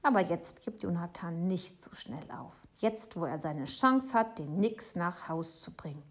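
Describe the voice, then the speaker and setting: A woman's voice: fairly low pitch, animated, unhurried. Woman narrating a children's story. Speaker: audiobook narrator.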